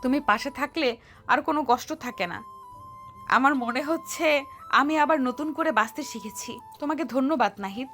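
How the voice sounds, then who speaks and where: A woman with a Bengali accent voicing a shy, remorseful young wife who speaks softly and apologetically in an audio story. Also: sits high, moderate pace, soft background music. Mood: affectionate. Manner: soft, pleading and apologetic.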